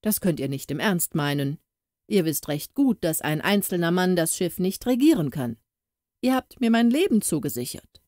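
A woman voicing an upright gentleman passenger aboard a ship, earnest and indignant, in a storybook reading. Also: on the low side, very animated, normal speed, no echo, clean studio sound.

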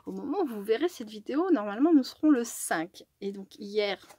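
A woman chatting casually in a craft vlog as she opens fan mail, rambling and correcting herself, giggling often and sometimes dropping to a hush. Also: on the high side, animated, a little fast, breathy edge, no echo, studio quality.

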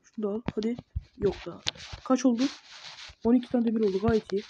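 A woman's voice: on the high side, steady tone, very fast, warm tone. Woman gaming and talking to herself, bossing the monsters around, kinda dull muffled mic with hiss and clicky keys behind. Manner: mutters running self-talk, scolds the monsters. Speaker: gamer. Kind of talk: casual gameplay commentary.

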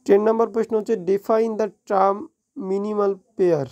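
A woman with a Bengali accent teaching an exam review lesson. She reads English definitions slowly, explains them quickly and often corrects herself. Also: mid-range voice, fairly even intonation, dark tone, dull audio. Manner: frequent self-corrections and restarts.

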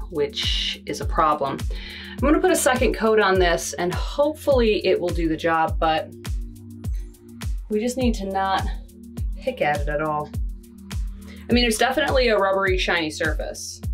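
A woman's voice: lowish voice, sing-song, measured pace, pauses often, soft background music. A woman in her thirties giving a casual, matter-of-fact renovation update inside a small travel trailer, talking close to a handheld camera. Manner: chatty and matter-of-fact, shrugging things off. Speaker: renovation vlogger. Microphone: handheld camera close to face.

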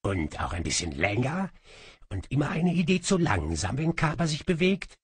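A man's voice: medium pitch, huge pitch swings, normal speed, slightly rough, no echo, voice pushed up, heavily acted. Man doing grumpy, sardonic djinn Fakal. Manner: sardonic, mumbling. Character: stocky, grumpy, sly male djinn.

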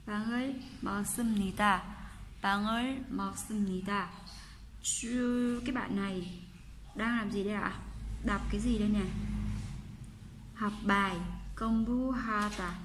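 A woman with a Vietnamese accent teaches Korean, walking through textbook exercises and patiently repeating every example sentence slowly. Her voice is mid-range with fairly even intonation, and there's a faint hiss or hum in the background.

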